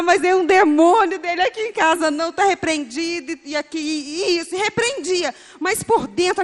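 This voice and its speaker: A woman's voice: very high voice, fairly bright tone. A woman giving an emotional church testimony, repeating words and speaking straight to the congregation. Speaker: pastor's wife giving testimony. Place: church hall. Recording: long church hall reverb.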